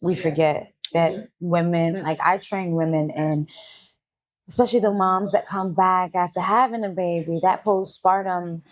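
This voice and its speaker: Sex: woman. Role: podcast host and fitness trainer. Pitch: a bit low. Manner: enthusiastic and affirming toward her guest. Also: steady tone, measured pace. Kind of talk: casual podcast interview.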